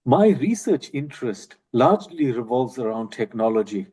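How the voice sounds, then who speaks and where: A man introducing himself on a panel in measured, formal speech. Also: medium pitch, sing-song, warm tone, breathy edge.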